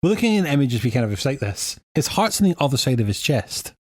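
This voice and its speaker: A man co-hosting a podcast who recaps a game's plot in casual chat, wry and quick to laugh. His voice sits at a middle pitch and sounds dry and close. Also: sing-song, dry recording. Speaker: podcast co-host narrating the game.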